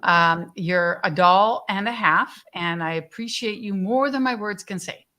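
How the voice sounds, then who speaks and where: A woman hosting a live stream interview, gushing with praise and often pausing with fillers. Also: medium pitch. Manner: effusive, warm praise, many fillers. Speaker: host. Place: live stream video call.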